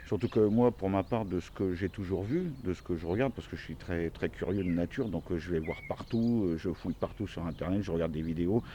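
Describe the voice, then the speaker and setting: A man's voice: low voice, a little fast, few pauses, warm tone, slight background noise. A man in his forties from central France with a regional accent, chatting casually in his garden, rambling with many fillers and restarts. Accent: central French regional. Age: 40s. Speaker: gardening YouTuber. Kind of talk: casual self-introduction video. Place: outdoors in a small vegetable garden.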